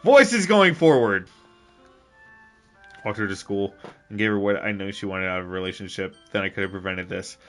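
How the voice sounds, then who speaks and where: Young male let's-play host, a bit low and very bright, jokey and rambling, soft game music underneath. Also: completely flat delivery, quick pace, clear, resonant tone. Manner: loud, jokey, rambling, with bursts of shouting. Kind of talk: game commentary and reading dialogue aloud.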